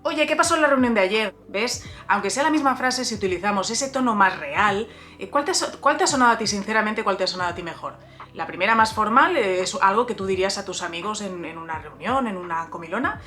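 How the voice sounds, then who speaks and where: A woman's voice: mid-range voice, animated, quick pace, bright, forceful tone. Chatty woman teaching writing. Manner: chatty, addresses viewer directly, frequent "eh" and restarts. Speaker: writer and writing coach, channel host. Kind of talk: casual video lesson on writing.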